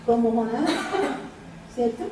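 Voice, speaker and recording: Speaking slowly in a slightly high, dark-toned voice, a woman delivers a Bible study sermon. She repeats the verses and questions her listeners, captured from far off in an echoey room with faint noise.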